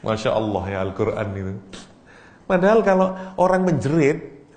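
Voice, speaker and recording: Lively male Islamic teacher, teasing audience. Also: unhurried. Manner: teasing and animated, acts out Arabic cries with sudden high voice; laughs often, asks the audience questions. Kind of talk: lecture on Quranic language.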